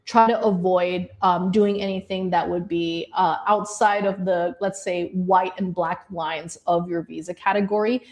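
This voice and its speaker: A woman who grew up in Indonesia talks through visa tips in an easygoing presentation. Her tone is friendly and encouraging, and she addresses listeners directly, at an ordinary middle pitch. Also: a little mellow. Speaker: immigration advisor presenting to designers. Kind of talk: presentation talk.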